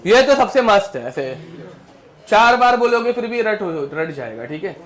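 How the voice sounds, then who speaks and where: A man's voice: high-pitched, sing-song, normal speed, fairly bright tone. A man teaching chemistry to a class, drilling mnemonics and scolding students who turn around, in with a tinge. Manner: drills mnemonics, scolds students, Hindi mixed with English terms. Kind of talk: classroom lecture.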